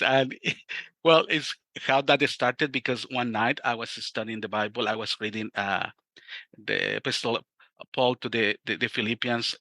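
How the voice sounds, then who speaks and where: Recorded dry, a middle-aged Mexican man speaks in a mid-range voice with a sharp tone and a Mexican Spanish accent. A youth ministry director, he tells his personal testimony in an interview, earnestly and reflectively, frequently starting his sentences over.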